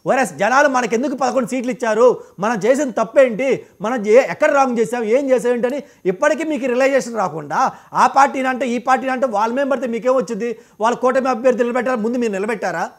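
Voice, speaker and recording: A man arguing hard in a political TV debate, firing rhetorical questions at his opponent. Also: very high-pitched. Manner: combative, rapid-fire rhetorical questions. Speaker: debate panelist.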